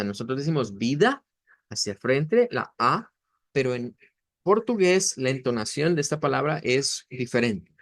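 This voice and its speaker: A man teaching a beginner language lesson, explaining slowly and patiently, with many fillers and restarts. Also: mid-range voice, no echo, clean studio sound.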